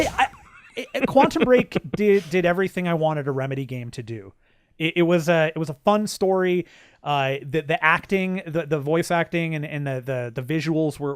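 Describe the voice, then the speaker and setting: A man's voice: a little high, clear, resonant tone, dry recording. A man co-hosting a podcast in casual chat, wry and sighing, often stammering over repeated words. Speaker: podcast co-host.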